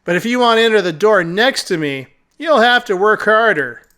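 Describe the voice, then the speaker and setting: Snarky talking cat in a game, high and lively, sneers at you, guy doing the voice. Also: moderate pace. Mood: smug. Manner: condescending, mocking.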